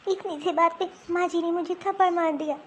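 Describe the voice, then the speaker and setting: Cartoon bride, a woman voicing her: tearful, pleading, very high, faint background hiss. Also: steady tone, brisk, fairly bright tone. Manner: pleading, self-pitying complaints. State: crying. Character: young pregnant daughter-in-law, wronged and tearful. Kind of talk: Hindi cartoon voice acting.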